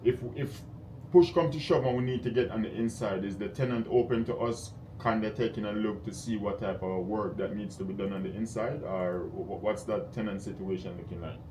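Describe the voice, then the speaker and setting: A man cold calls as a real estate investor, speaking in a direct, probing, conversational way and explaining his reasoning. His voice is mellow, fairly low, and fairly quick. The call recording has poor audio with clear background noise.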